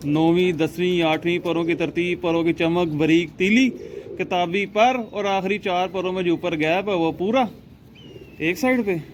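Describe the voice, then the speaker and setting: A man, chatting excitably in a casual rooftop vlog about his pigeons, often laughing at himself. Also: sits high, normal speed, slight background noise. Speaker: pigeon keeper vlogger. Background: pigeons cooing.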